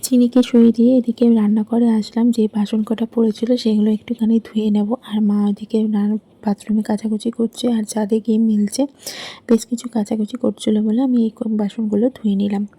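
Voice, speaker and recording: A young mother of two little girls vlogs her day at home, moving between the bedroom and kitchen, in a chatty, rambling way full of fillers, often "I mean." Her voice is fairly high and mellow with a slight roughness and little pitch movement. The recording is dry.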